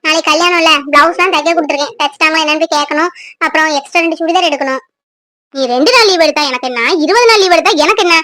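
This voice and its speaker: A woman's voice: extremely high pitch, rapid-fire, bright, forceful tone, no echo, studio quality. A woman voicing an irritable young working woman who snaps back at her mother in a cartoon. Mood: irritated. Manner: curt, irritated.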